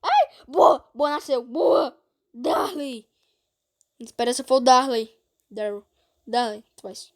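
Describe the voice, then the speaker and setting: A woman with a Brazilian Portuguese accent giving excitable gameplay commentary, often breaking into panicked exclamations. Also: sits high, slow pace, pauses often. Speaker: gamer streamer.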